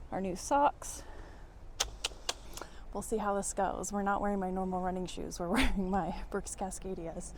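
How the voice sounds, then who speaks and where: Female vlogger, mid-pitched, chatty and giggly, casual delivery, noisy outdoor trail recording. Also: darkish tone. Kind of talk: casual chatty vlog talk.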